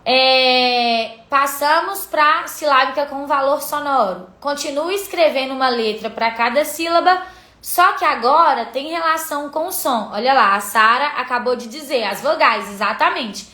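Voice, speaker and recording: A woman's voice: high-pitched, moderate pace, sharp tone. A woman teacher, patiently explaining a literacy lesson on a live stream and pointing viewers to examples.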